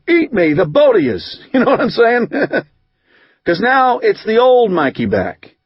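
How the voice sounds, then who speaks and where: Man reading an audiobook doing a foul-mouthed angry guy, rambly slangy rant, kinda high voice, dull lo-fi sound. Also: breathy edge, dry recording. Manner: rambling, profane, street slang. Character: rough profane man, bitter, hot-tempered, recovering drinker. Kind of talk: audiobook narration.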